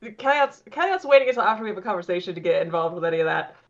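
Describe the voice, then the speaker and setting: A woman's voice: on the low side, expressive, very fast. A woman playing a tabletop role-playing game, playful and laughing as she describes her character. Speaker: player. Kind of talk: casual tabletop role-play. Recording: dull lo-fi mic.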